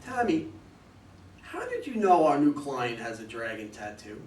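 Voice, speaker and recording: In a community play reading, a man plays a suspicious, decisive investigator boss with stern, probing, emphatic theatricality. His fairly high voice swings hugely in pitch at a measured pace and is a little mellow, recorded on distant mics in an echoey room with faint noise.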